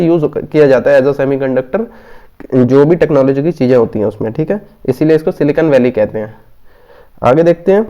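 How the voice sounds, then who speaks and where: On a muffled recording, an exam prep teacher with a fairly high-pitched voice works through exam questions in a Hindi lesson. He reads each question slowly, explains the answer, and checks in often with "theek hai".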